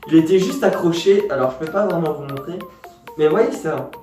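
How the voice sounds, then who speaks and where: A man telling a personal story in a casual vlog, animated and quick to jump into other voices. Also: a little high. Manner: animated, jumps into voices and laughs. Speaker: vlogger. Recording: echoey room, far mic, music. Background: music.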